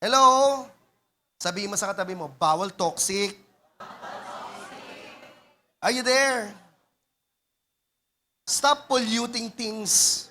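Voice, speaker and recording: A man's voice: high voice, fairly even intonation, slow pace, pauses often, sharp tone. A man with a Filipino accent preaching a sermon in a call-and-response manner, mixing Tagalog and English. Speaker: pastor.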